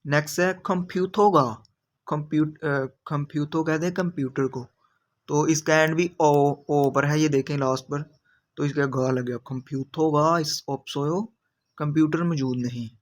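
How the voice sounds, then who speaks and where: A man explains grammar patiently, going over each example sentence again and again. His voice sits a little higher than most men's. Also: fairly even intonation, a little slow. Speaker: language teacher. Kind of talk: explaining grammar in a video lesson.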